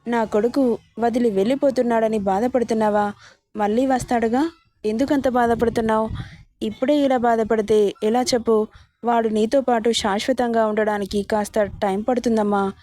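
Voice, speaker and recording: A woman voicing a kind middle-aged mother who coaxes and gently teases a young girl. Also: fairly high pitch, steady tone, normal speed, natural voice. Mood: coaxing. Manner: coaxing, affectionate scolding.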